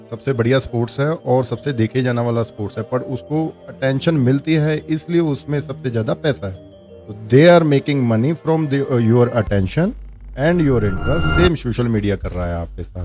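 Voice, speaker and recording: A man's voice: medium pitch, darkish tone. A man hosting a casual commentary, who often chuckles, asks rhetorical questions and mixes English phrases into his talk. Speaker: host.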